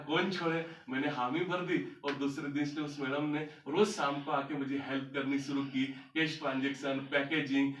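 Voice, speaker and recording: A man's voice: on the high side, a bit bright, distant mic, a little hiss or hum. A man telling a story about his life to an audience as a motivational speaker, recorded in a large hall. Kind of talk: storytelling talk on stage.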